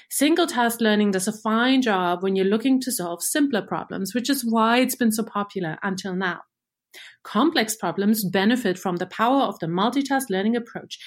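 In a mid-range voice, a German woman who works as a research engineer walks through machine learning in a scripted, clear, and measured way. She is a native speaker of German.

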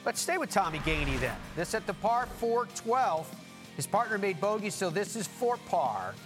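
A man working as a golf commentator, hosting highlights in punchy, presenter-like short phrases. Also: big pitch swings, normal speed, over music.

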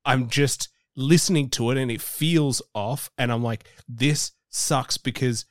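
A man's voice: medium pitch, a little slow, no room sound. A man hosts a casual podcast and chats in an easygoing, blunt way. His voice is in a middle register, and the recording is dry and close. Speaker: podcast host.

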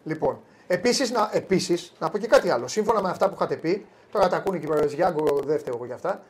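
A man's voice: high-pitched, animated. A man hosting a casual sports talk show, teasing and playful in banter.

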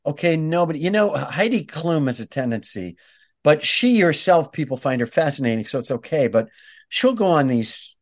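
A man hosting a podcast, asking questions in a relaxed, conversational way and joining in with jokes. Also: a little high, normal speed. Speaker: podcast host. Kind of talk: casual interview chat.

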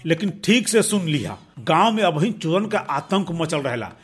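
A crafty village husband with a husky, breathy edge and a Bhojpuri accent, put on by a man telling the story. He talks in a sly, teasing way and sits high for a male voice. It suits a spoken storybook. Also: big pitch swings, normal speed. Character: clever scheming village husband.

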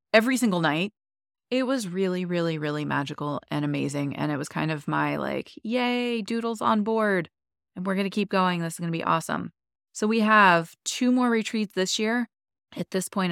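Brief: young woman podcast host, lilt, chatty and upbeat, lowish voice, dry close sound. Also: creaky, fairly bright tone, smooth, no room sound. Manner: chatty and enthusiastic, many likes. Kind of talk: casual chat.

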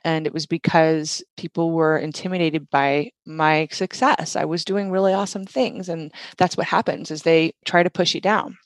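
A woman in her forties telling her story as an interview guest, animated, laughing often and saying "like" and "right". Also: sits low, moderate pace, few pauses, no room sound.

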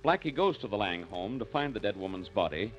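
A man announcing in a 1940s radio drama, giving a formal, measured recap in an old radio broadcast sound. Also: fairly low pitch, very animated. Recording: dull lo-fi old radio recording with music. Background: music.

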